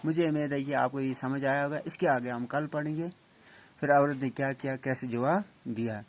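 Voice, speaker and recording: A man's voice: mid-range voice, steady tone. A male school teacher giving a reading lesson to young children, restating each sentence in simpler words.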